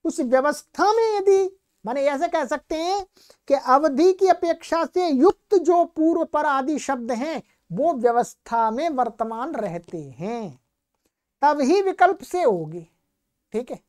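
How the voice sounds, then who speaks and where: A woman's voice: high voice, lively intonation, slow, darkish tone. A woman teaching Sanskrit grammar in a recorded lecture, explaining patiently and often asking a question before she answers it herself.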